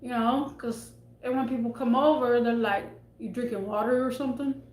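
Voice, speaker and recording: A woman's voice: on the high side, fairly even intonation, moderate pace, a little mellow. A woman live streaming from her desk at home, chatting in a rambling, casual way and trailing off mid-thought. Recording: echoey room with faint background noise.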